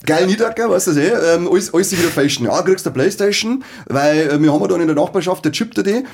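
A man with a Bavarian accent, co-hosting a casual podcast chat with rowdy, crude, quick banter. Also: sits high, lively intonation, creaky, darkish tone, slight background noise. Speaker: podcast co-host.

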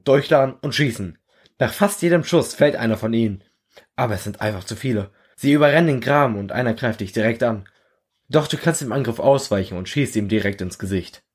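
A man reading his own short story aloud in a measured, earnest second-person storytelling voice. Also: mid-range voice. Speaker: narrator.

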